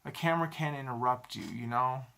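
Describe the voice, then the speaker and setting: A man in his thirties talking to a camera in a halting, self-critical confessional vlog, often repeating himself. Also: mid-range voice, vocal fry, sharp tone. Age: 30s. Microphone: camera mic, talking to a camera.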